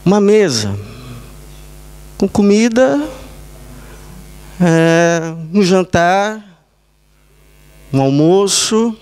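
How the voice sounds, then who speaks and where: Brazilian pastor guy preaching slow, clear smooth voice, tells little stories bit by bit. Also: high voice, big pitch swings, a little mellow. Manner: measured, illustrative storytelling in short phrases. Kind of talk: sermon. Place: church service.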